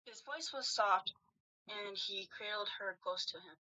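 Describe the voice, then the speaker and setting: A woman host reading fanfiction aloud with lively narration. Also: mid-range voice, unhurried. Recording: dull lo-fi recording.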